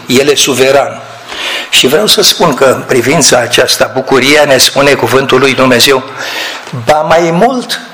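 Older man preaching, telling stories. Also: mid-range voice. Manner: storytelling, quoting others in lively voices. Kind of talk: sermon.

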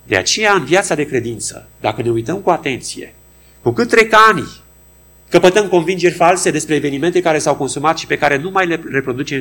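A man preaching a sermon in a fairly high, very lively voice. He swings his pitch widely and acts out quoted dialogue in changing voices.

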